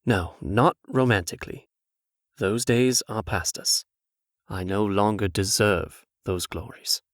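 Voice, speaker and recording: A man playing a suave, vain, scheming fairy-tale prince in a comic dub, smooth-talking, theatrical and falsely humble. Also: lowish voice, no room sound, clean studio sound, lightly acted.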